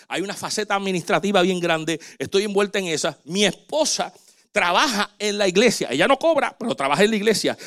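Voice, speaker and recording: A man preaching as a pastor, animated and acting out quoted dialogue. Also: sits high. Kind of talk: sermon.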